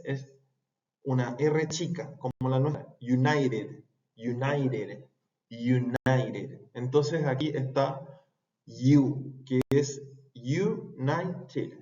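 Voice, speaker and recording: A man teaching a pronunciation lesson, repeating words slowly and carefully. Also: mid-range voice, darkish tone. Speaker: English teacher. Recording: echoey room, dull lo-fi sound.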